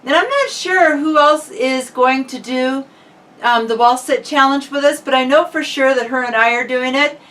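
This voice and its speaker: A woman's voice: high-pitched, moderate pace, fairly bright tone. A woman talking casually and informally, like a fitness vlogger chatting to viewers. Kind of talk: casual vlog chat. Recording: distant microphone.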